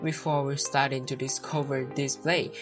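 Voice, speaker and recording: A young woman with a Vietnamese accent reads a scripted school project narration, playing a tour guide. Her voice is notably low for a woman and her delivery careful and read-aloud. Clear music plays behind her. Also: level tone, normal speed. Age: young adult. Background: background music.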